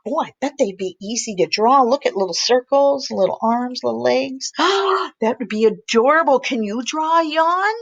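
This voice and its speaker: A woman teacher reading bedtime stories aloud to young children, animated and sing-song. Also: sits high, moderate pace, dry recording, dull audio.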